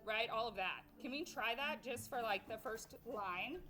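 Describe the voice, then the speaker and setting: A woman's voice: a little high, measured pace, loud music behind the voice. A woman teaching a violin sectional, counting students in and singing the rhythms aloud. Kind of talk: group music class instruction. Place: music classroom with students playing. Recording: loud violin playing behind the voice. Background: violins playing loudly.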